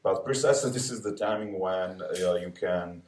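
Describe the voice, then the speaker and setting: A man speaking as a panelist, halting and full of fillers. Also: sits low, a little mellow. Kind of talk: live panel talk. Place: coworking space event room. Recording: echoey room from far off.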